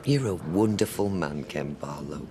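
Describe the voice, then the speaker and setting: A woman's voice: very deep voice, lively intonation, unhurried, background noise. An actress playing an anxious middle-aged bride, fussing over her wedding in a fretful, clipped way. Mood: tender.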